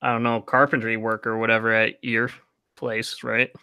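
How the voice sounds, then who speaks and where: Man, bright forceful tone, casual podcast chat, hesitant, lots of filler words. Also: mid-range voice, little pitch movement, moderate pace, clear, resonant tone. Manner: hesitant, lots of "like" and "you know". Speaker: podcast co-host.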